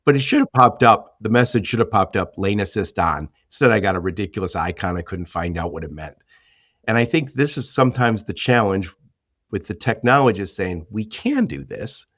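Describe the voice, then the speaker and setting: A man hosting a podcast interview, chatting casually and telling stories with animated asides. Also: on the low side, a little fast, no echo, studio quality. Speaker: podcast host.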